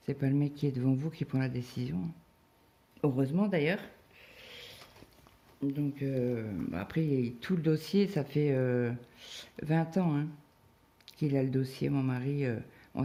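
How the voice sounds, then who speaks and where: A woman's voice: extremely low pitch, mellow. A woman in her fifties chatting casually as she cross-stitches, telling stories with lots of hesitations and tag words, recorded on a phone. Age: 50s. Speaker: craft vlogger.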